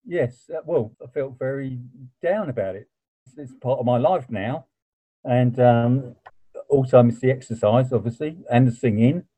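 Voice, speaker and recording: Male interviewee, extremely mellow and husky, halting personal reflection. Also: mid-range voice, rough recording. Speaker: exercise class member being interviewed.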